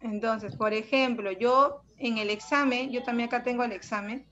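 A woman runs an online language lesson, fairly high-pitched, patient and affectionate yet firm. Her voice comes through a dull, lo-fi video call. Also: steady tone, moderate pace, sharp tone. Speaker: secondary school language teacher. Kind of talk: online class. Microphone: computer mic on a video call.

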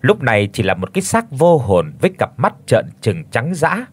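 A man's voice: medium pitch, wildly swooping pitch, moderate pace, slightly rough. A man narrating a horror story with a tense, theatrical delivery.

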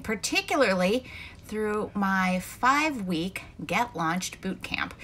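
A woman's voice: mid-range voice, bright, forceful tone. A middle-aged woman coaching online course creators in a casual, conversational explainer, walking through everyday examples. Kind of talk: casual explainer talk to camera.

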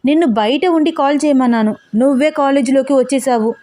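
A woman's voice: high voice, quick pace, warm tone, dry recording, natural voice. A woman voicing a playful young woman who teases her fiancé with coy remarks. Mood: teasing. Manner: teasing, coy.

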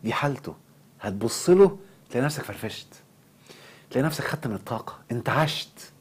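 A man with an Egyptian Arabic accent giving an impassioned self-development lecture, animated and quick to swing into mock outrage. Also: mid-range voice, husky.

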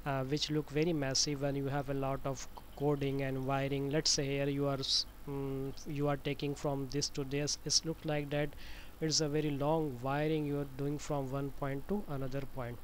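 A man explains software step by step in an informal, halting, repetitive tutorial style. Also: medium pitch, monotone. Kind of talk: informal screen-recorded tutorial. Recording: noisy amateur screencast voice-over.

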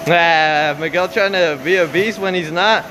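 A man's voice: sits high, unhurried. A young man in casual, teasing vlog chatter, filming his coworkers on a phone in a large warehouse and laughing often. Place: large warehouse floor, indoors. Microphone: handheld phone camera. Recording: noisy warehouse ambience.

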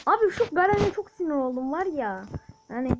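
A woman giving casual gameplay commentary as a channel host, excitable, with frustrated outbursts and shouted sound effects. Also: sits high, a little fast, noisy background.

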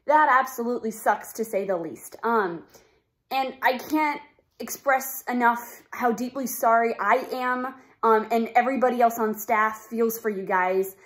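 Teenage girl, high voice, earnest, upbeat, emotional, casual video address. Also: unhurried, fairly bright tone. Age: teens. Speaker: yearbook staffer.

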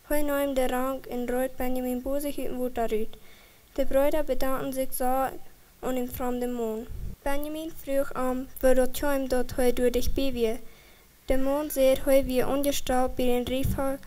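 Woman reading a children's story, high voice. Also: warm tone, low-quality recording.

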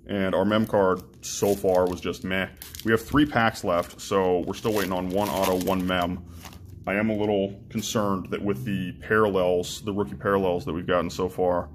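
Laid-back lowish-voiced man opening cards. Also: a little hiss or hum. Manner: relaxed, chatty, swears casually, frequent ums and restarts. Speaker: card-breaking channel host. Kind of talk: casual card-opening commentary.

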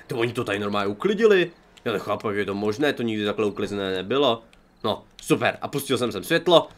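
Chatty young gaming commentator. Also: male voice, mid-range voice. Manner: chatty, joking, excitable outbursts. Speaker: gaming YouTuber. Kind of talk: let's play commentary.

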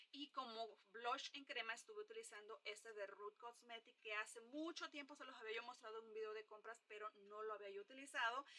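A woman's voice: on the high side, bright, forceful tone. A young woman, chatting casually through a makeup review with lots of hesitant fillers. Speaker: makeup vlogger. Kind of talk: casual product review chat.

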